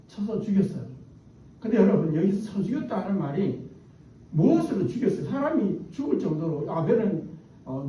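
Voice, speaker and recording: A man's voice: sits high, muffled recording, a little hiss or hum. A male pastor giving a storytelling sermon in a church, asking the congregation questions, recorded distant in an echoey hall. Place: church sanctuary.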